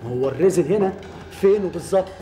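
A flustered young prince in a TV drama, rattling off his words very fast in a roomy set, with music behind him. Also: high-pitched, animated. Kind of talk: TV drama acting.

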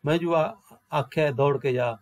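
A man reading as a gruff bossy village policeman. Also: on the high side, measured pace, lightly acted. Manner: gruff, ordering about. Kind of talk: reading a play aloud.

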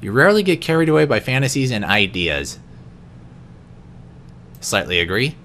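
A man reading personality quiz questions aloud in an unscripted vlog, answering each one in a quieter, lower voice with the odd stumble. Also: big pitch swings, moderate pace, a little hiss or hum. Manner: occasional stumbles and restarts. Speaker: vlogger.

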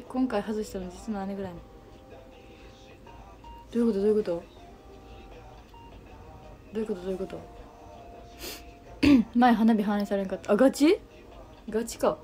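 A woman's voice: mid-range voice, warm tone. A young woman with a Kansai Japanese accent hosting a casual livestream, chatting and answering viewer comments. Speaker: livestream host.

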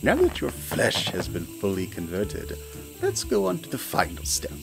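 Heavily acted, with vocal fry and huge pitch swings, a man's low voice at a moderate pace brings to life a smug male hyena mad scientist in a hobby audio play. The gloating villain speaks to the listener silkily and theatrically, condescending and chuckling frequently, over background music.

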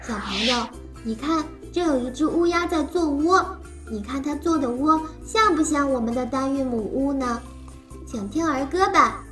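Casting: woman for tiny chirpy cartoon creature, child-like and high, encouraging phonics teacher speaking as if reading to a toddler, music behind. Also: normal speed, lightly acted. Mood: playful, teaching. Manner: simple, exaggerated, encouraging talk, as if reading to a toddler. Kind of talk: animated lesson for small children.

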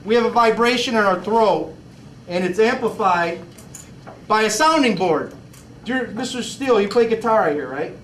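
A man's voice: high-pitched, normal speed. Male teacher, classroom demo, questioning manner; distant mic, noisy room. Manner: lively, questioning, repeats words. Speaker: physics teacher. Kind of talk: classroom demonstration. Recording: echoey classroom, distant mic, background noise.

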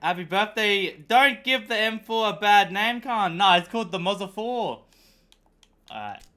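A man streaming a video game live, chatting excitably and profanely with his viewers and friends. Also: high voice, a little slow. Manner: excitable, profane, bantering with chat. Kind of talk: casual live-stream chat while gaming.

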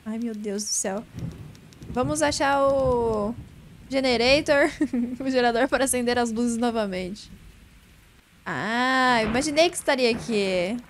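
A young woman doing casual let's-play commentary, laughing nervously and shouting when startled. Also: a little high, measured pace, long pauses, slight background noise. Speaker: gaming streamer.

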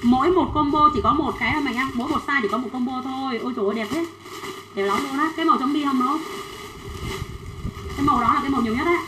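Woman, livestream seller, chatty sales patter, high-ish voice, roomy echo. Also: racing, long pauses, background noise. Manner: chatty, reads out sizes and buyers' names. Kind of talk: fast livestream sales pitch.

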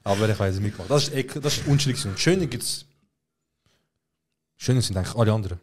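A man co-hosting a casual podcast, telling relaxed, slangy stories with quoted exchanges. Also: on the low side, quick pace, a little hiss or hum. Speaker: podcast co-host. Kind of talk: casual chat, storytelling.

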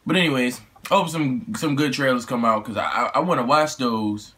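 A man's voice: medium pitch, brisk, a bit bright. Young male reaction host, loose slangy chatter, lots of fillers. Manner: rambling and slangy, with frequent fillers and restarts. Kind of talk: casual trailer reaction chat.

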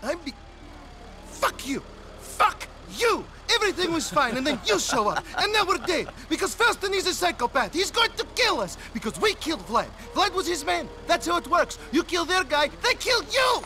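A paranoid cousin hiding from killers, frantic and whining. The voice sits high and leaps around wildly. Street noise hangs loud under the game audio. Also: male voice, lively intonation, normal speed, heavily acted. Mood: panicked. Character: panicky man hiding in a dumpster, the hero's cousin. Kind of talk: video game cutscene acting.

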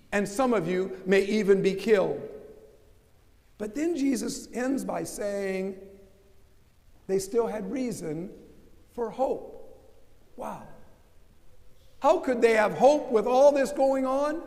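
An older American pastor with a high, slightly mellow voice preaches a sermon from the pulpit, emphatic and full of rhetorical questions. He's in a large church sanctuary, and the recording has a long church reverb.

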